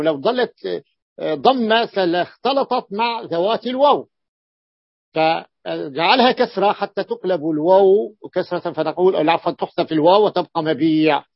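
A man's voice: a little high, no room sound. Levantine man teaching, repeats words, dull dry recording. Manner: repeats key words slowly, thinks aloud with fillers. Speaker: sheikh teaching Arabic morphology. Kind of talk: classroom lesson explaining a text.

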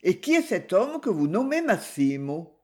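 A woman reading aloud, voicing a male police commissioner who questions people in a measured, formal way. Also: fairly low pitch, very animated, a little mellow. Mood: questioning.

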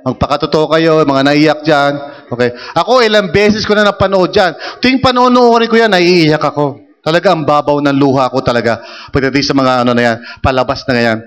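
A male pastor preaches in a high, bright voice that carries a long hall reverb. He keeps the sermon conversational, teasing the congregation and asking them questions. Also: a little fast, clean tone. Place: church hall.

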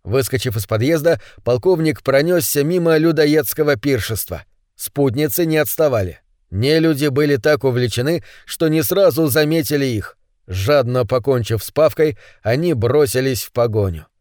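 A man reading a dark story aloud in a measured, tense storytelling voice. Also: mid-range voice, expressive, dry recording, clean studio sound. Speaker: audiobook narrator. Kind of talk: dramatic story narration.

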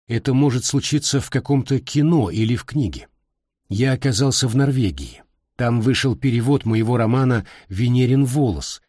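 Husky, measured middle-aged man reading. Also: mid-range voice, no echo, studio quality. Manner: calm, reflective, measured. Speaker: narrator. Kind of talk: reading a personal memoir aloud.

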